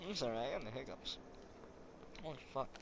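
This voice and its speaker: A man's voice: mid-range voice, expressive, fairly quick, vocal fry. A man giving casual commentary while playing a video game, jumpy and swearing at it. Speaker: gameplay streamer. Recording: loud game noise behind.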